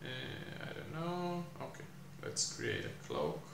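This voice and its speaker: A young man teaching programming while he codes, thinking aloud with many fillers and pauses, recorded in a small room. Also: on the high side, huge pitch swings, vocal fry. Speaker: programming tutor. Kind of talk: live coding explanation. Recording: echoey room, faint hiss.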